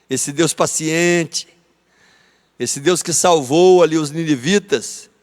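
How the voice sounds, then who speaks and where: A man with a Brazilian Portuguese accent, a pastor teaching a church Bible lesson in an animated, dramatizing, chatty way. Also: a little high. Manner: animated, dramatizing, conversational with tag questions. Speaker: pastor teaching a theology course. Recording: long church-hall reverb.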